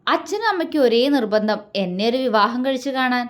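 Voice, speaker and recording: A woman voicing a calm young man who talks quickly and gently, reassuring. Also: on the high side. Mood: gentle.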